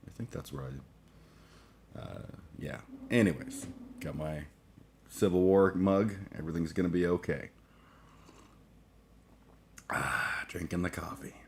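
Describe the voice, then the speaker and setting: A man in his forties hosts a casual livestream chat, groggy after a late night, rambling in a halting way full of fillers, restarts, and cursing. He has a deep voice, and there is slight background noise.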